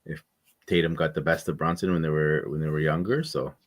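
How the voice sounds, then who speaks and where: A man's voice: very deep voice, fairly even intonation, brisk. A man co-hosting a casual sports talk stream, thinking aloud with many hedges and restarts. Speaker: podcast co-host.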